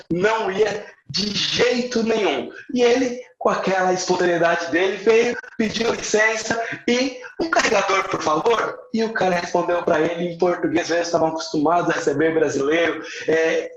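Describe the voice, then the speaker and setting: A man's voice: high-pitched, a little hiss or hum. A middle-aged Brazilian man with a Brazilian accent, teaching English in a live online class. He switches between English phrases and their Portuguese translations and stretches key words for emphasis. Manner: says phrases in English, then repeats them in Portuguese. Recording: echoey room, slightly dull sound.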